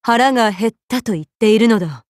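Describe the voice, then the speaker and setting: A woman's voice: fairly high pitch, expressive, no echo, clean studio sound, natural voice. An actress playing a vengeful female gorgon monster in an anime game, imperious, cold and contemptuous. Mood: cold, haughty. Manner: imperious, cold, contemptuous, deliberate archaic phrasing. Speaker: voice actor. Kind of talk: scripted anime game character lines.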